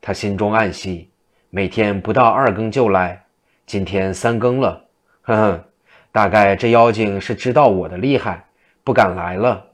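Low-voiced male storyteller. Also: normal speed. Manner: steady, vivid storytelling. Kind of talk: storybook narration.

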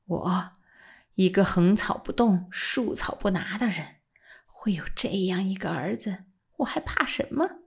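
A woman voicing an old male scholar with a husky voice, speaking low and hushed, almost whispering, then rising into fierce passion. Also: lively intonation, measured pace. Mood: impassioned.

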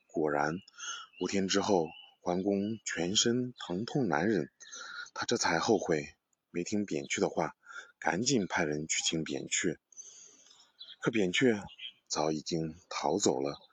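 A man narrating a children's story, gently addressing the young listener. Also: deep voice, lively intonation, unhurried, slightly rough, dry recording.

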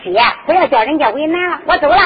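A female storyteller voicing a gentle younger noble sister who talks in a soft, coaxing way. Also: high-pitched, lively intonation, fast, noisy background. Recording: dull lo-fi with music behind.

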